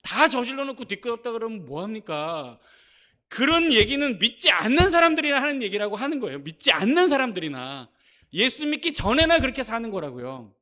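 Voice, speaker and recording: Pastor guy preaching sunday sermon, high bright voice, keeps throwing questions at the church. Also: very animated, fairly quick. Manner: emphatic, asks the congregation many rhetorical questions. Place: church sanctuary.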